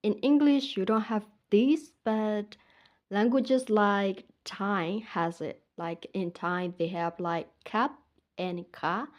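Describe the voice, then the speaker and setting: In this casual language lesson, a young woman from Myanmar speaks slowly in a mid-range voice with the highs cut off. She has a Burmese accent and patiently repeats each word twice.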